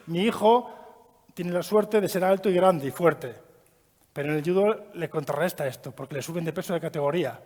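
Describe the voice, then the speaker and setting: Lively man lecturing in a reverberant hall. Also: fairly high pitch. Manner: lively, asks the audience questions. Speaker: trainer giving a child-protection course. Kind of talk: live training talk.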